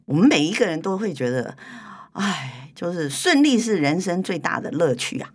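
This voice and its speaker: A woman's voice: fairly low pitch, sing-song, moderate pace, slightly rough. A woman hosting a conversational studio interview, restating what the guest says and putting questions to her. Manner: frequent short listening acknowledgements. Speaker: interview host. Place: recording studio.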